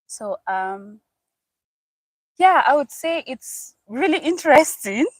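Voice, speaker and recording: A young woman from Cameroon, an international student, speaking as a guest in a casual outdoor chat, thoughtful with many pauses. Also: sits high, big pitch swings, dry recording. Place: outdoors in a park.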